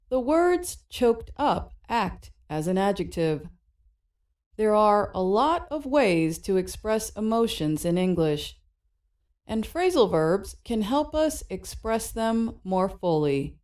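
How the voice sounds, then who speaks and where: Lady teaching phrasal verbs, super slow, voice goes up and down a lot. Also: medium pitch, very animated, a little mellow. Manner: slow, clear teaching delivery. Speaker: English lesson narrator. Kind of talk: scripted educational narration.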